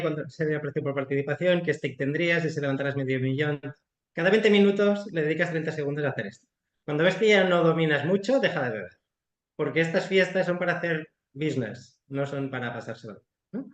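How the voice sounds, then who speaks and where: Brief: male investor, blunt and chatty, slightly high voice, echoey room. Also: highs cut off. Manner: frank, colloquial, animated explanations with quoted asides. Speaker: startup investor and guest expert. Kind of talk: explanatory webinar talk.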